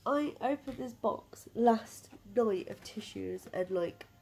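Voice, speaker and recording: A woman's voice: a little high, takes it slowly, vocal fry, a little mellow, husky, faint music behind. A young British woman with a badly blocked nose from a head cold, chatting casually and wearily in a phone vlog. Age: 20s to 30s. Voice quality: heavily congested, blocked-nose voice. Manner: weary, self-deprecating. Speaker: vlogger and mother. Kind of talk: casual food diary vlog. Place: small living room, indoors. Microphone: phone at arm's length.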